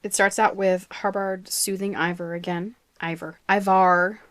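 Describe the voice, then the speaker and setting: A woman's voice: medium pitch, level tone, normal speed, fairly bright tone, no room sound. Chatty young woman podcast co-host. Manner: chatty, laughs often, stumbles over words. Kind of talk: casual chat.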